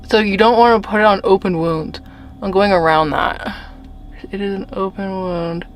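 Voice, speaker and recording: A woman's voice: mid-range voice, fairly even intonation, measured pace, pauses often, slight background noise. A young woman with a lisp from a tray fitted over her teeth, chatting casually to camera as a vlogger inside a van. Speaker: solo van-life vlogger.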